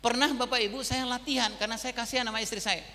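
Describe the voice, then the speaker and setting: A man's voice: extremely high pitch, steady tone, rapid-fire, pushed and bright. A middle-aged man giving a parenting seminar talk. He tells stories, acts out dialogue and keeps addressing the audience as fathers and mothers. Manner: storytelling, acts out dialogue in his own voice. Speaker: parenting speaker. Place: school hall. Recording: reverberant hall.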